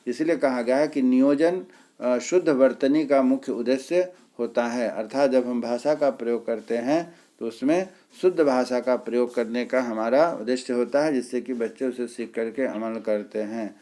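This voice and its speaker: A man teaching an exam-prep lecture, explaining step by step with pauses and filler sounds. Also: medium pitch, warm tone.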